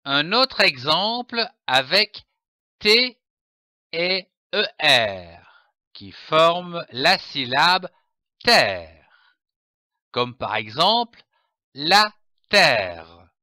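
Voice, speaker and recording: A man's voice: fairly high pitch, big pitch swings, extremely slow, pauses often, bright, forceful tone, no room sound, studio quality. A man narrating a scripted reading lesson, carefully spelling out letters and syllables. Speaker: reading teacher.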